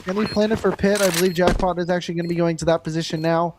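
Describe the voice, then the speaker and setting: A man with a high voice calls a live esports match play-by-play, firing off the action and breaking into shouts at the big moments. A clear hum of background noise sits under his voice throughout. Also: steady tone. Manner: rapid play-by-play, rising to shouts at big plays. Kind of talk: live game commentary.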